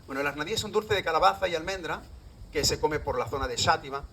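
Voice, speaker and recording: A man's voice: a little high, fast talker, a bit bright, slight background noise, rough recording. A middle-aged man from Andalusia with an Andalusian Spanish accent gives a live public talk as a lecturer, often quizzing his audience. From Andalusia, Spain.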